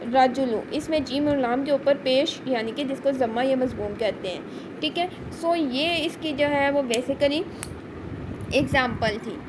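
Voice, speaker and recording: A woman's voice: high voice, noisy background. A woman with a Pakistani Urdu accent teaching a tajweed lesson. She explains step by step and keeps checking in with her students. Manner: patient, explains step by step with frequent check-ins. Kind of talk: online lesson explaining rules.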